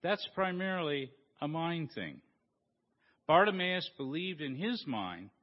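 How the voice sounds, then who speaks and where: A male pastor preaching an emphatic sermon in a church sanctuary. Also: fairly high pitch. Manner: slow, lively, emphatic preaching. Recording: dull recording with long church reverb.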